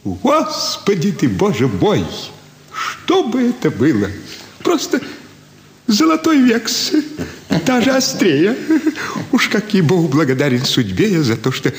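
Heavily acted and unhurried, a slightly high male voice plays an elderly provincial landowner and adoring father in a classic stage radio play. He is flattering, effusive and sentimental, sighing often, and the roomy stage hall carries faint ambience.

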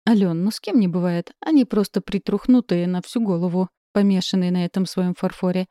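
A woman's voice: lowish voice, a little fast, warm tone, no room sound, clean studio sound, natural voice. A woman reading an audiobook, voicing an easygoing young man who teases his friends lightly. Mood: teasing. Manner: breezy, teasing.

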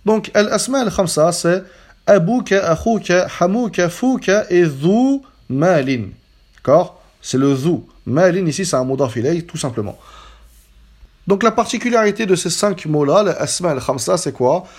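Patient, fairly high-voiced male teacher. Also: lively intonation, husky. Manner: patient, checks understanding with frequent "d'accord?"; slows down to spell out Arabic example words. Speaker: Arabic grammar teacher. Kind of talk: explanatory lesson.

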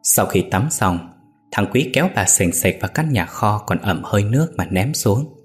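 A male storyteller with a low voice reads a dark tale in a grave, measured way. Soft music plays faintly underneath his narration. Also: lively intonation.

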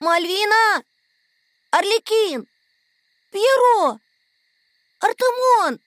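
A man voicing a stubborn, eager wooden puppet boy who calls out loudly. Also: extremely high pitch, very animated, slow pace, no echo, studio quality, voice pushed up, exaggerated voice. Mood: calling. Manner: calling out loudly.

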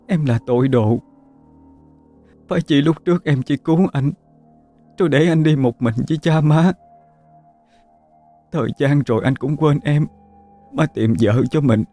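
A man voicing a grief-stricken young wife who sobs and pleads with her dying husband in a ghost story. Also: dark tone. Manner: sobbing, pleading, high and strained.

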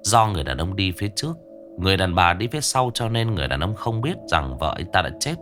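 A man's voice: deep voice, lively intonation, fast, fairly bright tone, soft background music. A man narrating a ghost story in a tense, dramatic storytelling manner.

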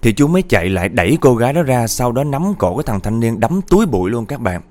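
A man's voice: mid-range voice, big pitch swings, fast, darkish tone. A man narrating a ghost story in a chatty way, often speaking straight to his listeners. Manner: chatty, addresses listeners directly.

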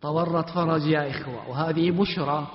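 A man teaching an Islamic study class, quizzing students one by one in a commanding, brisk way with a sometimes chant-like delivery. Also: fairly high pitch. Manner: commanding, brisk orders to stand and sit. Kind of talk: classroom question and answer. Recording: echoey hall, dull lo-fi sound.

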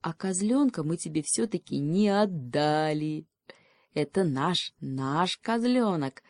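Woman playing a young male beaver, loyal, earnest, indignant, dry warm tone. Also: low voice, animated, takes it slowly, no room sound, exaggerated voice. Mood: defiant.

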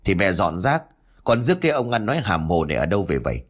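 A man voicing a sharp-tongued, angry old village woman who scolds and shouts. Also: low voice, sing-song, fast. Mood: scolding.

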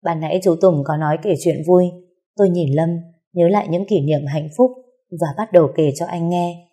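Woman, story narrator, lowish voice, mellow dark tone, sorrowful even reading. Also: moderate pace, breathy edge. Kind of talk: scripted first-person story narration.

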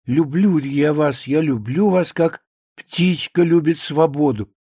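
A naive young maid sighing over a romance novel, as a man reads her part. The voice sits a bit high, and it is recorded close and dry. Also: unhurried, dark tone, slightly rough, no room sound. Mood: dreamy. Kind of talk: dramatic reading of a play.

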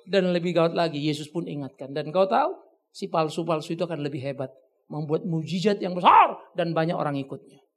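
A male pastor preaching a topical sermon, conversational and teasing, swinging between loud exclamations and soft asides. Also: a little high, fairly quick. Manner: conversational, teasing, uses slang.

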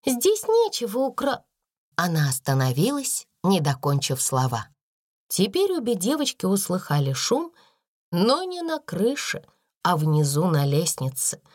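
A woman reading a children's storybook aloud as expressive scripted narration. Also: fairly low pitch, measured pace, no echo, clean studio sound. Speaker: audiobook narrator.

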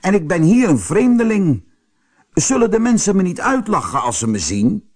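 A man voicing a sly, grumpy male wizard who jumps to high, shrill shouts when angry. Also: very animated, moderate pace. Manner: high shrill furious outbursts.

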